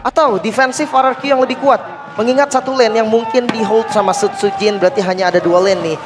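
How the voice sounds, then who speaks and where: A man's voice: high voice, fairly even intonation, brisk. A man giving live esports commentary as the analyst, often posing rhetorical questions about the match. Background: game music.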